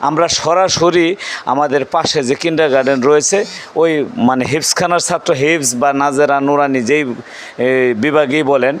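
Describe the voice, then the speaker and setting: A man's voice: fairly high pitch, fairly even intonation, moderate pace, clear, resonant tone. A man from Bangladesh, a madrasa principal, speaking informally to parents and often restarting and correcting himself. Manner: speaks plainly with frequent restarts and self-corrections.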